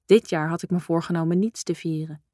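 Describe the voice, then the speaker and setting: Calm low-voiced woman narrating a novel. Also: fairly quick, dry recording, studio quality. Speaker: audiobook narrator. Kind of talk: first-person literary narration.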